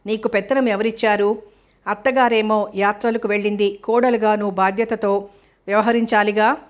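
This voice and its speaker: A woman's voice: mid-range voice, fairly even intonation, moderate pace, natural voice. A woman reading the lines of an angry elderly father-in-law who lectures sternly.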